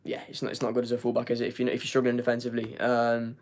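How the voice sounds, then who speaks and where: Racing along in a completely flat, medium-pitched, darkish voice, a young fan channel host reviews a football match live and reads chat. He's losing his voice and his talk rambles, full of fillers and repeated words.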